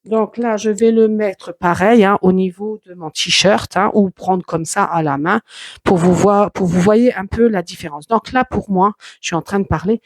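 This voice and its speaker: Rambling chatty home vlogger on a lapel mic. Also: mid-range voice. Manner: rambling, chatty, with frequent fillers and restarts. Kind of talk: casual home vlog, testing a mic. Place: home, moving between office and sewing room. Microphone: clip-on lapel mic plugged into a phone.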